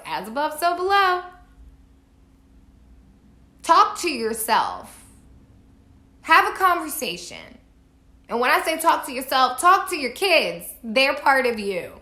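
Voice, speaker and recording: A woman with a high, bright voice and a forceful tone is vlogging from her home, and the room sounds echoey. She's an astrology vlogger who gives her viewers emphatic, preachy spiritual advice directly and swears casually.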